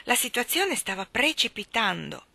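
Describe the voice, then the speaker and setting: A woman reading a novel aloud in an expressive, measured way. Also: fairly high pitch, gravelly, dry recording. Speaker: audiobook reader.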